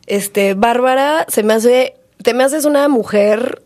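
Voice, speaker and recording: A woman's voice: fairly high pitch, takes it slowly, darkish tone. Woman, chatty host. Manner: chatty, frequent fillers. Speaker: podcast host. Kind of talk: casual chat.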